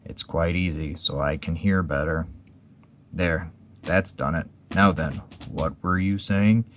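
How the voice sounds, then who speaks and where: A man voicing Eeyore, a gloomy old male donkey in a storybook reading, speaking in a slow, mournful murmur. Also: deep voice, fairly even intonation, a bit bright, a little hiss or hum. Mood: glum.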